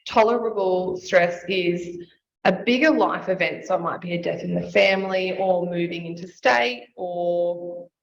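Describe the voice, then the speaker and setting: A woman, a sleep consultant, explains children's sleep in an interview. Her voice sits low with a gravelly fry, and she lays out her points in tidy lists. The recording is slightly dull, with a faint hiss underneath. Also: measured pace. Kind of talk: expert explaining in casual interview.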